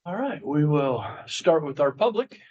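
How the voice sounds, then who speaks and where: A man's voice: fairly high pitch, sing-song, a little slow, phone-quality sound. A man chairing a town council meeting in a town hall, talking in an easygoing, folksy way. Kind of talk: casual meeting chair talk.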